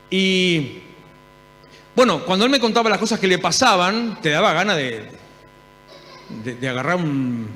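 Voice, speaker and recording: A man with an Argentine accent preaching a sermon in a church, telling stories lively and acting out the dialogue. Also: sits high, a little hiss or hum. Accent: Argentine Spanish. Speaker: pastor. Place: church hall. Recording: long hall reverb.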